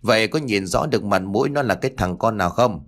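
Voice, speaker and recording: A man as a gruff, bossy father. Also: fairly low pitch, lively intonation, quick pace, a bit bright. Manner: brusque, commanding. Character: gruff middle-aged father, dismissive, bossy.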